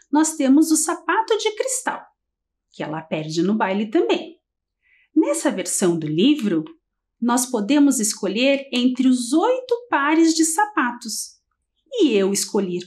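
A woman teacher leading a TV literacy lesson for young children, talking in a slow sing-song and stretching syllables as she counts letters. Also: fairly high pitch. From Brazil. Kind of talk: early-grade literacy lesson on TV.

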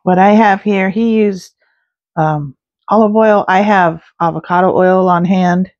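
In her home kitchen, a woman who hosts a cooking channel narrates a recipe step by step, slow, relaxed, and easygoing, filling pauses between steps with little fillers. Her voice sits at an ordinary middle pitch and she takes her time with every word. The recording sounds muffled.

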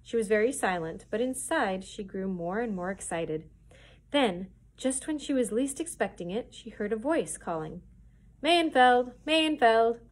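A children's librarian reading a chapter book aloud in a clear, expressive storytelling manner. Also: female voice, medium pitch, normal speed.

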